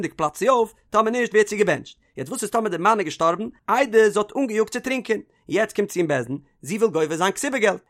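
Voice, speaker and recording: A man teaching a Talmud study lesson, arguing each point in a lively questioning cadence that rises and falls. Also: sits high.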